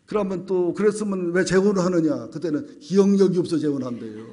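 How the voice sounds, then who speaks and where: A man's voice: fairly high pitch, dark tone. A middle-aged man, a senior pastor, preaching a humorous sermon in a church, telling folksy anecdotes and jokes. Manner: folksy storytelling with jokes, acts out voices. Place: church sanctuary.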